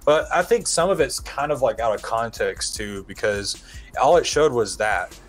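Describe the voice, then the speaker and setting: A man's voice: mid-range voice, lively intonation, normal speed, soft background music. A young man co-hosting a casual podcast, rambling with many fillers and some swearing. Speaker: podcast co-host.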